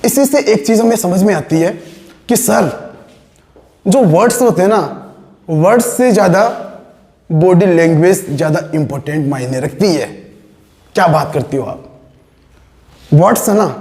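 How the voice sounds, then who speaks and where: Male English teacher with an Indian accent, high-pitched and unhurried, mixing Hindi and English, heard in a reverberant classroom. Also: warm tone. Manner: mixes Hindi and English, models sentences slowly for students to repeat. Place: classroom with students.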